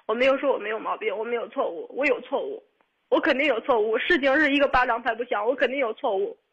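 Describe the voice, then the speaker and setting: A woman of twenty-two calling a radio show, upset and tearful, speaking in halting, repetitive bursts. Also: fairly high pitch, breathy edge, highs cut off. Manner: halting, repetitive, restarts often. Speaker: caller. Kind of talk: radio call-in.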